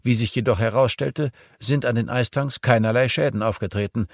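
Ein Mann spricht in einem Hörbuch einen kühlen, sachlichen Bordcomputer, knapp und nüchtern. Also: male voice, mid-range voice, a little fast, dry recording, clean studio sound, pitched above the performer's own voice, lightly acted. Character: terse male ship computer, cold and factual.

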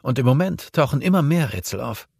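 Man voicing a tense impatient young woman, strained raised voice, husky, close dry sound. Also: mid-range voice, animated, fairly quick, darkish tone, no echo, voice pushed up. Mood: gereizt.

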